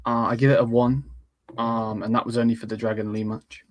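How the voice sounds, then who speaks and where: A man giving a casual wrestling review in a blunt, dismissive way, halting often with ums. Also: medium pitch, level tone, no echo. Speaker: wrestling podcast panellist.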